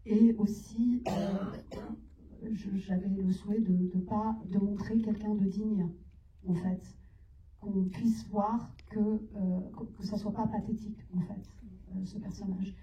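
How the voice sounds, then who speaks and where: A woman's voice: mid-range voice, flat delivery, a little slow, dark tone. A woman actress of Iranian origin, answering questions at a cinema talk in hesitant phrases with many fillers. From Iran. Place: cinema hall. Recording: echoey, distant and muffled room sound.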